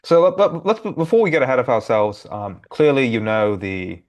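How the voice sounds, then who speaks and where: A man's voice: mid-range voice, animated, moderate pace. A man co-hosting a podcast in an informal way, steering the conversation and teasing his partner. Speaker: podcast co-host. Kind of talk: casual conversation.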